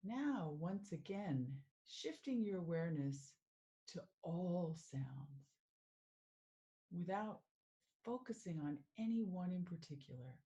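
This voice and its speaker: A woman working as a mindful living coach, leading a guided meditation in a calm, soothing way. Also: lowish voice. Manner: slow, calm, soothing guidance.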